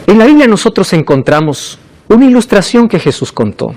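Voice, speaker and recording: A male pastor preaching a sermon, asking the congregation questions and dropping from loud, emphatic peaks to soft, low lines. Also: very animated, fairly quick.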